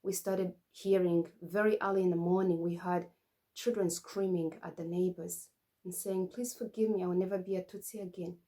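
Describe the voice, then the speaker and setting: A woman in her forties gives personal testimony in a mellow, lowish voice. She keeps an even, level pitch throughout. Her retelling is steady and measured, set out in short phrases. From Rwanda. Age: 40s. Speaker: survivor giving testimony.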